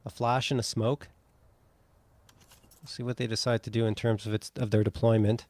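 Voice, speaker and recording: A man doing live esports play-by-play as a caster, his voice climbing excitably with the action. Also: lowish voice, normal speed, noisy background.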